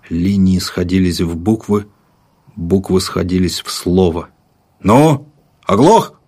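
A man narrating an audiobook in a measured, vivid, rhythmic way. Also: low voice, a little mellow.

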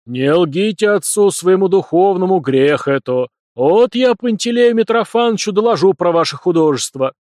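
A man voicing a stern old village priest who scolds loudly and draws out his exclamations. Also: lively intonation, no room sound, studio quality, natural voice. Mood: scolding. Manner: booming, drawn-out exclamations.

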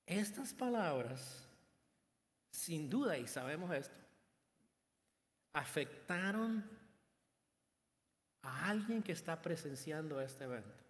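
A man's voice: on the high side, expressive, normal speed, hardly any pauses. Preaching man in a reverberant hall. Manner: preaching with rising emphasis and rhetorical questions. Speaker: pastor. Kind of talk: sermon.

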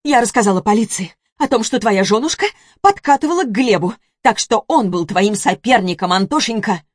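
Женщина-чтец озвучивает вспыльчивую бывшую жену средних лет, которая громко и обвиняюще кричит. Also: female voice, mid-range voice, lively intonation, fairly quick, no echo, clean studio sound, voice pushed up, lightly acted. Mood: shouting. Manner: heated, accusing, shouting. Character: furious shrill ex-wife, middle-aged woman. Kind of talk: audiobook character voice.

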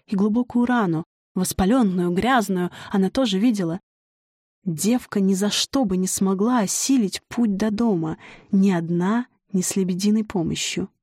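Woman narrating a dark folk tale. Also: medium pitch, dry recording, clean studio sound. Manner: measured, dramatic storytelling. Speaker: audiobook narrator. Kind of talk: scripted narration.

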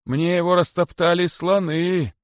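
A man's voice: high voice, fairly even intonation, unhurried, dry recording, voice pushed up. A meek cross-eyed boa from a storybook answers his king with a plaintive, raised hiss, as a man puts him on. The sound is close and dry.

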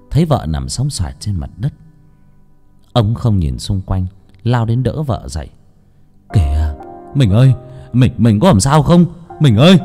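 Male audiobook narrator, low and warm, very expressive, faint music behind. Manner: expressive storytelling.

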